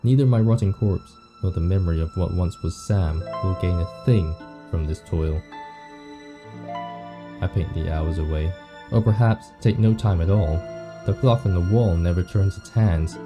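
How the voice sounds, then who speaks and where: A man reading the lines of a weary, morbid undead painter from a visual novel, slowly and somberly. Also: deep voice, over music. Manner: slow, somber reading of game text.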